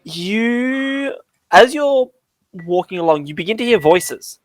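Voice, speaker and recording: A man runs a tabletop game, rambling through his narration with plenty of "like" and "um." His pitch rises and falls a lot, and the mic sounds dry and close. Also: expressive, slow pace, dry recording. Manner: rambling, lots of "like" and "um". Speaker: dungeon master.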